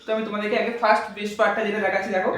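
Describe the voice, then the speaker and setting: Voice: medium pitch, flat delivery, very fast. A guitar teacher giving a casual spoken lesson, talking in a loose, repetitive way and checking in with the viewers. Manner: chatty, repetitive, checks in with "clear?"; hums and sings chord parts instead of words. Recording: echoey room, distant mic, loud guitar. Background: guitar and amp playing.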